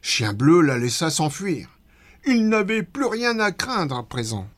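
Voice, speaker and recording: A man narrating a children's storybook in an expressive, dramatic read-aloud manner. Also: on the high side, unhurried.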